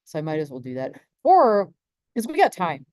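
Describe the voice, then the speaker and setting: Woman, low voice, dry sound, rambling casual stream host. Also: wildly swooping pitch, moderate pace, darkish tone, no echo. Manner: rambling, many restarts and laughs. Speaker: space weather stream host. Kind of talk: casual live stream chat.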